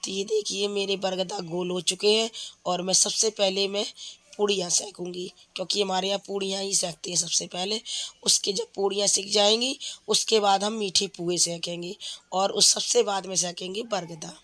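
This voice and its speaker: A woman's voice: medium pitch, steady tone, normal speed, a bit bright. Woman, 30s, home cook vlogger; feverish, chatty, talks in a level, unvaried tone. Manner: chatty, explains each step of cooking. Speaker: vlogger, mother. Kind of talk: casual cooking vlog chat. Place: home kitchen.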